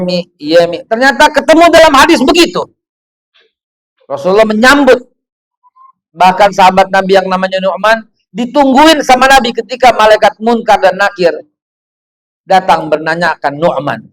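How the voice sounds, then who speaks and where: A man, preaching to a women's gathering in an animated storytelling way, full of rhetorical questions. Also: high-pitched, low-quality recording.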